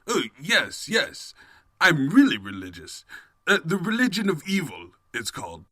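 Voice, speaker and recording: King Sombra, animated pompous villain pony. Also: on the high side, a little slow, dry recording, studio quality, heavily acted. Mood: evasive excuses. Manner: pompous, melodramatic, slipping into evasive excuses. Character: evil, theatrical, scheming cowardly unicorn pony king. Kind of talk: comedic fan fiction audio drama acting.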